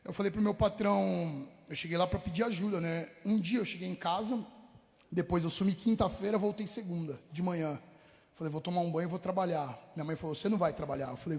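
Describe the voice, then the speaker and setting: A rapper tells his life story in an interview, full of street slang, acting out old conversations and sometimes choking up in emotional personal testimony. His voice is fairly high and darkish in tone, with a big-room sound.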